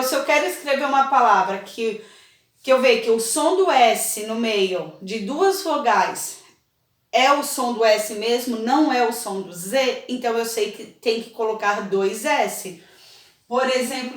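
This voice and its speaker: Woman, teacher, patient, slow-paced, echoey room. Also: fairly high pitch, a bit bright. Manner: slow, patient, checks in often with "tá certo?". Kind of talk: children's spelling lesson. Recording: echoey room, voice a bit far from the mic.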